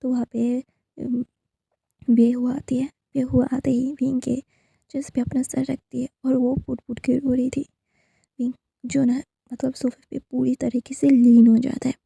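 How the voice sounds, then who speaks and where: A woman's voice: sits high, flat delivery, measured pace, creaky, warm tone, breathy edge, no echo. A woman casually retelling a fan fiction story, rambling with many fillers and repeated narrator tags.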